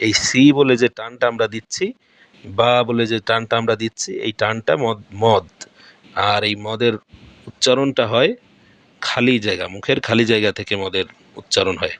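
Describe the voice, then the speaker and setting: A man's voice: on the low side, steady tone, moderate pace, a bit bright, no room sound. A man with a Bangladeshi Bengali accent teaching Quran recitation pronunciation step by step. He repeats each point and asks questions that he then answers himself.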